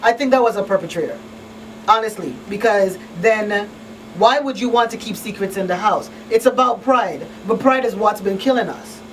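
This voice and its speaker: A woman with a medium-pitched voice speaks at normal speed while hosting a live call-in talk show. As both host and crisis counselor, she's emphatic and chatty, regularly asking "you know what I mean" to confirm listeners follow. Her mic is distant, and faint background noise can be heard.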